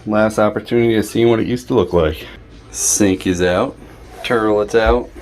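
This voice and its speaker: A man's voice: fairly low pitch, normal speed, darkish tone. A man giving casual, folksy vlog commentary on home repairs in short offhand remarks, recorded on a handheld camera. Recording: noisy handheld camera audio, background hum.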